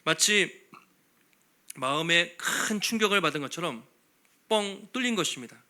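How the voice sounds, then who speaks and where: Male pastor delivering a Sunday sermon with a bright, piercing tone. He is animated, acts out the speakers in his stories, and laughs lightly between phrases. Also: high-pitched, moderate pace. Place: church sanctuary.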